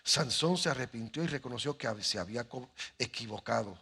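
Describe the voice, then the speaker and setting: Gravelly-voiced man preaching a dramatic sermon. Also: mid-range voice, expressive, a little fast, pushed and bright. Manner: dramatic, acts out voices in his stories. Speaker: pastor. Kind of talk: sermon with storytelling. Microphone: handheld microphone. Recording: faint music behind the voice.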